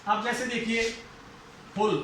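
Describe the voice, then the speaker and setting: A man from India teaches a phonetics lesson, stretching and repeating each example word. His voice sits very high and he talks very slowly. The recording is heavily echoey with a faint hiss behind him. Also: flat delivery, sharp tone. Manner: explaining slowly, repeating and drawing out example words. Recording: very echoey room, faint noise.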